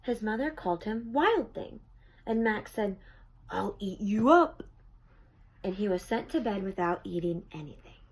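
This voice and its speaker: A woman with a mid-range voice reads a children's picture book aloud at normal speed, in an expressive storytelling style. The recording quality is low.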